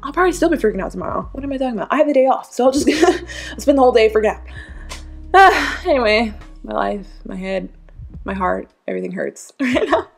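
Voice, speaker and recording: An excitable woman talking into her camera at home, rambling with lots of "like" and "you know". She laughs, swears freely and gushes over what she just watched. Faint music plays quietly behind her. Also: a little high, fast talker. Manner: gushing, swears freely, laughs often, filler-heavy. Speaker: reaction vlogger. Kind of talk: excited reaction vlog. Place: home room.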